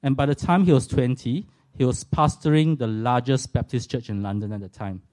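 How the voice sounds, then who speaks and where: This Singaporean-accented man in his forties speaks briskly in a mid-range, darkish voice with fairly even intonation. Addressing a church, he offers an earnest, reflective testimony of faith, lightened by self-deprecating humour.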